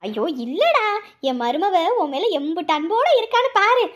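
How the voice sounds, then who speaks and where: Comedy sketch: woman as a loud thrifty village mum, very high and lively voice, fast and bright, scolding. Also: background noise. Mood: overjoyed. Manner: shrill, scolding, wailing. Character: loud thrifty middle-aged village mother. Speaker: mother.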